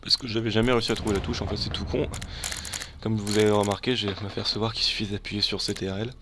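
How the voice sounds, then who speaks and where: A man's voice: on the low side, little pitch movement, fast talker, background noise. A man casually commenting on his game footage, chatty and self-mocking with many fillers. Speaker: gaming video host. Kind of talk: casual let's play commentary. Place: home desk, recorded after the gameplay.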